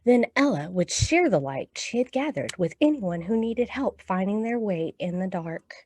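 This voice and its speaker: Her mid-range voice has lively intonation and a darkish tone, delivered at a moderate pace with slight background noise. The woman is reading picture books aloud and singing songs at a storytime, encouraging the young children listening.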